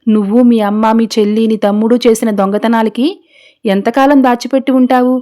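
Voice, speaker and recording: A woman's voice: fairly high pitch, fairly even intonation, brisk, warm tone, natural voice. A woman reading as a harsh accusing mother-in-law. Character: scheming domineering middle-aged mother-in-law.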